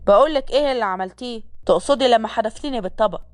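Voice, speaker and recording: A woman's voice: on the high side, very fast, a little mellow, lightly acted. A woman voicing a harsh young man who is the boss, giving orders in a scolding, commanding Egyptian manner. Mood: menacing.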